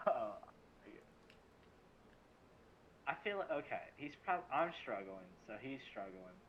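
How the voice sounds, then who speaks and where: A man chats casually as a player in a tabletop game. He speaks haltingly, feeling for words, with clear noise behind him. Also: medium pitch, very animated, lo-fi sound.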